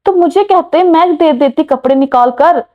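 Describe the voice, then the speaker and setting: Scolding tidy young woman, audio novel, read by a woman, high voice, muffled. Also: moderate pace, lightly acted. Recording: muffled lo-fi recording.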